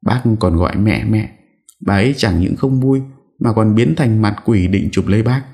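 A man's voice: lowish voice, normal speed, gravelly, darkish tone, voice pushed up. A man voicing a frightened older woman in an audiobook story, speaking in a tremulous, pleading way. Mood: dazed.

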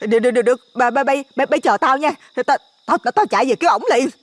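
A man's voice: very high voice, quick pace, voice pushed up. Man doing a stammering flustered village neighbor woman. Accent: Southern Vietnamese. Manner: stammering, repeating words in a rush. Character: flustered middle-aged female village neighbor, gossipy.

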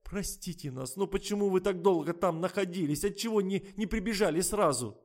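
A man voicing a flustered, bossy middle-aged woman doctor who scolds in shrill outbursts. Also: moderate pace, lightly acted.

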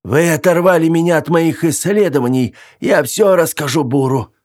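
A man voicing a cantankerous, scrawny old male scientist in a thin falsetto, with shrill, theatrical, indignant outbursts. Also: normal speed, a little mellow, natural voice. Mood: indignant shrieking. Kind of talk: audiobook character voice.

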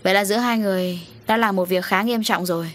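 A woman voicing a stern male police officer who questions a couple briskly in a storybook reading. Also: medium pitch, fairly even intonation, a little hiss or hum, lightly acted.

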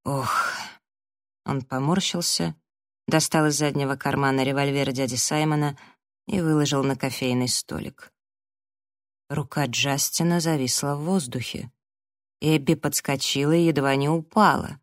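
Dry, even audiobook narrator. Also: medium pitch, normal speed, no echo. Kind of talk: first-person novel narration.

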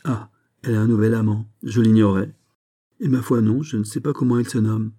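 A man voicing a proud, courteous nobleman in a novel reading, answering politely and calmly. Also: lowish voice, brisk, pitched above the performer's own voice, natural voice.

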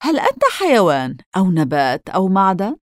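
A woman voicing a blustering, vain pirate captain with a booming, commanding way of talking in a storybook reading. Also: big pitch swings, fairly quick, no room sound, clean studio sound. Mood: wary.

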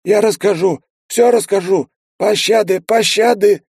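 A man voicing a pleading old lizard-man mage who whines and begs in a high, strained voice. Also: expressive, unhurried, a little mellow, dry recording, studio quality. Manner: whining, begging.

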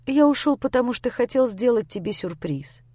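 A woman's voice: on the high side, lively intonation, moderate pace, dark tone, husky, no room sound. A woman voicing a young man who pleads with and soothes his upset girlfriend. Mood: pleading.

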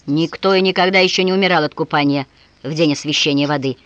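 A woman voicing a dismissive, commanding landowner gentleman in an audiobook, speaking loudly. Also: low voice, fast, dry recording, muffled recording. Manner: loud, dismissive.

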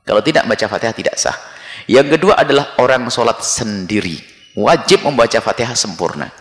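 A man preaching and answering listeners' questions, switching between loud emphasis and quiet asides. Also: medium pitch, animated, brisk. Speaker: Islamic preacher. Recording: echoey hall with long reverb.

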